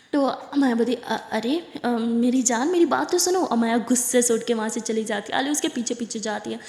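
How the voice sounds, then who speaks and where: A woman narrates a love story in a chatty, casual way, dropping jokey asides. Her voice sits fairly high, and the room gives it a long, echoing reverb.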